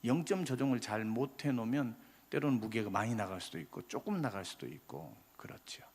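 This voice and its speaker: A male pastor delivers a Sunday sermon in a church sanctuary, his slightly husky voice carrying a long hall reverb. He preaches with passion, pressing key lines loudly and then dropping to near-quiet asides. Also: medium pitch, expressive, a little fast. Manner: impassioned preaching, rising loud then dropping soft.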